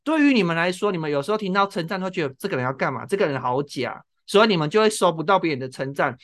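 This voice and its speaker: A man's voice: fairly high pitch, very animated, racing, a bit bright. A man, chatting bluntly and sharply as a podcast co-host. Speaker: co-host, human design reader. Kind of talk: casual podcast chat.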